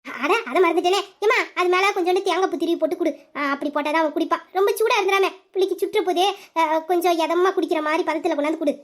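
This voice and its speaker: A woman voicing a sentimental village mother who fusses over her son and bosses everyone else around. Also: extremely high pitch. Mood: bossy. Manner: fussy and sentimental, gives orders quickly.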